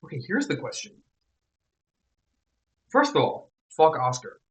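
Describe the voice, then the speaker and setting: A man's voice: on the high side, wildly swooping pitch, poor audio. A man co-hosting a podcast in casual chat, rambling, swearing and joking as he goes. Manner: rambling, profane, quick to joke and laugh. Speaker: podcast co-host.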